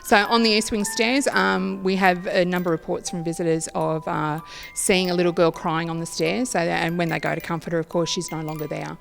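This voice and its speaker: An Australian woman speaks as a tour guide being interviewed, explaining history in an informative way. Her voice sits a little low and has a marked creak. Music plays clearly behind her. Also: little pitch movement, a little fast, fairly bright tone. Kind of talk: informative interview talk about local history.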